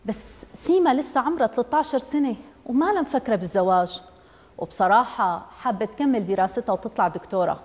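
A woman's voice: a little high, animated, quick pace, darkish tone, close to an everyday voice. A woman voicing a worried, protective middle-aged mother who speaks indignantly. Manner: indignant, pleading. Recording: long hall reverb.

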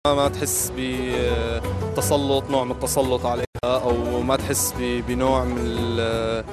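A man giving a hesitant street interview answer, pausing to search for words. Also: mid-range voice, little pitch movement. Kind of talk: casual vox pop answer. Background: loud guitar music.

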